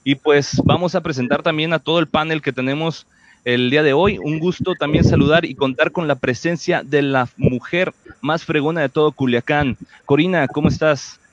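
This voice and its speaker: A man's voice: fairly high pitch, normal speed, no echo, muffled recording. Mexican man hosting a casual talk show. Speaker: host.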